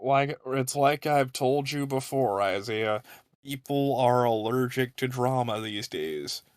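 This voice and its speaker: A man co-hosting a casual podcast chat, lively and fond of rhetorical questions. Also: medium pitch, slow pace, smooth, no echo, studio quality. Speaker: podcast co-host.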